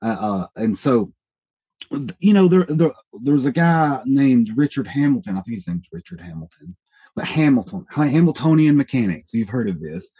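A man's voice: mid-range voice, expressive, normal speed, dark tone, husky, no echo, lo-fi sound. A man in his thirties, a podcast guest, explaining ideas in a rambling, self-correcting way, hedging as he thinks aloud. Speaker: podcast guest, independent researcher. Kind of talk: casual explanatory interview talk.

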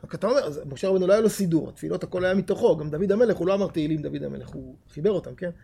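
A man, a rabbi, giving a Torah lesson to a live audience in an animated, emphatic way, often putting questions straight to his listeners. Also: high-pitched, vocal fry, slightly rough. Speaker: rabbi teaching a class.

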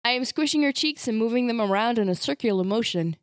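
A woman's voice: a little high, lively intonation, fast talker, smooth, no room sound, studio quality. A woman playing a tabletop game, bantering playfully with the others. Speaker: player. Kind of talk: casual tabletop play.

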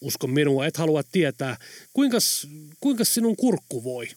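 A man's voice: on the high side, lively intonation, dry recording, close to an everyday voice. A resigned, gloomy middle-aged man in a storybook, as a male narrator puts him on. His downbeat lines come in a slightly raised voice. The sound is dry. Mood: timid. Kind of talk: audiobook character voice.

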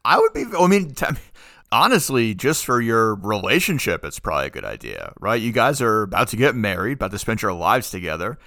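A man's voice: on the low side, sing-song, brisk, pushed and bright, no echo, clean studio sound. A man hosting a podcast in casual chat, joking and teasing his co-host.

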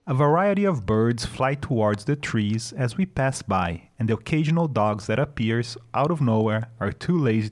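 A man hosting an ASMR podcast, reading scripted narration. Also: medium pitch. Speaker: podcast host.

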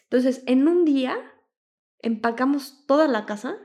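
A young woman chats on a podcast with a slightly high voice. She tells her story in a lively way, acts out what other people said and laughs often. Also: measured pace. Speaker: podcast co-host. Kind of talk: casual chat.

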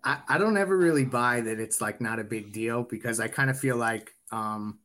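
Man, mid-pitched, sports-podcast host, rambly questions, lots of ums. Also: moderate pace, sharp tone. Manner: rambling questions with many fillers. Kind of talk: casual sports podcast chat.

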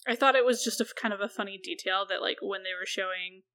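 A woman's voice: mid-range voice, quick pace, bright, forceful tone. A woman co-hosting a casual podcast chat about a film, chatty and swearing freely, with lots of "like". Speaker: podcast co-host.

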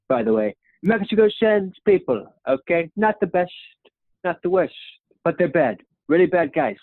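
A young man impersonating a boastful male president who rambles, praises himself and keeps ending lines with "okay?". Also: no echo. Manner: rambling, repeats "okay?" with a dropping pitch. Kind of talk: comedic impression sketch. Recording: tinny phone-like sound.

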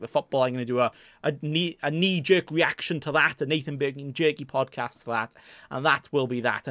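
A man's voice: a little high, a bit bright, dry recording, studio quality. Rambling self-mocking young man. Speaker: podcast host. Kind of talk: casual rambling chat. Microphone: desk mic in front of a green screen.

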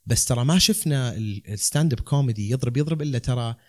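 A man's voice: medium pitch, very fast, darkish tone. A man with a Saudi accent explaining things casually and conversationally, rambling and dropping in English terms. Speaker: stand-up comedian, guest.

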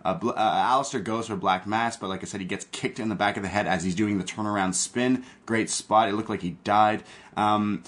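Low-voiced man recapping like a wrestling commentator. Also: fairly even intonation, fairly quick, fairly bright tone. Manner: enthusiastic fan-like play-by-play retelling. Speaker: podcast host recapping wrestling.

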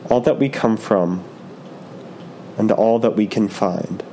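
A man reading the lines of a wise, calm old female turtle in a storybook, slow and measured. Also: lowish voice, a little hiss or hum, rough recording. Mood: serene.

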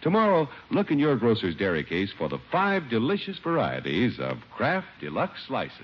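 A man reading ads and credits as a 1940s radio announcer in a polished, lively sales pitch, heard from an old broadcast transcription disc. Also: normal speed, highs cut off.

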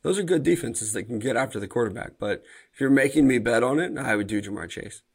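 On a podcast, a male co-host with a husky, mid-range voice talks football in a casual way, speaking quickly and expressively. He leans on fillers to hedge what he says.

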